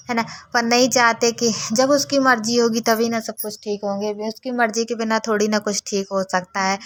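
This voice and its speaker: A woman's voice: mid-range voice, fairly bright tone, no room sound. A woman, chatting casually to her viewers in a home vlog. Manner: chatty, talks straight to viewers. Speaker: vlogger.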